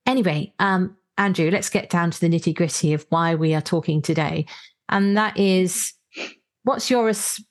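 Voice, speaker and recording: A podcast host with a lowish female voice speaks at a normal speed on a conversational book review podcast. She chats and explains as she discusses books, thinking out loud along the way.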